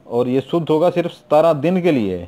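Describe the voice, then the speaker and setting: A man's voice: on the high side, fairly quick, dark tone. A middle-aged man with a Pakistani Urdu accent, giving casual spoken instructions on his YouTube channel and repeating himself often. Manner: repetitive, informal, keeps adding "theek hai na". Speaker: YouTube occult practitioner.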